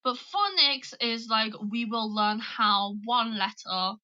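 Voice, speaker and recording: Teen girl, british accent, livestream host, bright crisp tone, slightly high. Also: slow, lo-fi sound. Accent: British English, Birmingham. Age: teens. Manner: chatty, switches between languages. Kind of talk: casual live video chat.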